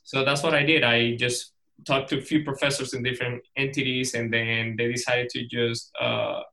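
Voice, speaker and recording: A middle-aged Venezuelan man, a guest speaker, tells an audience the story of his career in a mid-range, level voice at a moderate pace. His delivery is pushed and bright with vocal fry, full of restarts and laughs, and the recording is rough.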